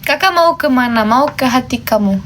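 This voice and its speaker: A German woman hosting a livestream chats talkatively with viewers while doing her makeup, switching between languages. Her high voice has lively intonation, a normal speed and a fairly bright tone, with a little hiss or hum in the recording.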